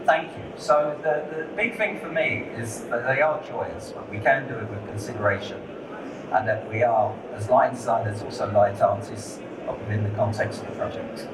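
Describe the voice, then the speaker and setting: Speaking as a lighting designer on a conference panel, a man talks candidly and conversationally at medium pitch and normal speed, repeating words while he gathers his thoughts. The mic is distant in an echoey conference hall, with steady noise beneath.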